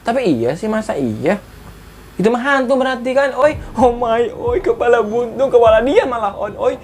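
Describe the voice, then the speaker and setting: A woman's voice: fairly high pitch, animated, normal speed, a little mellow, slight background noise. A woman reading short horror stories aloud and chatting about each one, full of exclamations and laughter. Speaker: horror story YouTuber.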